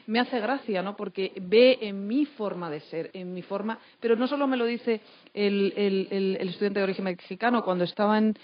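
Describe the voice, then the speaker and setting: A teacher from Madrid with a Spanish accent from Spain speaks on an unscripted panel at a medium pitch and normal speed. She's talkative and anecdotal, using frequent tag questions, and the event recording sounds dull and lo-fi.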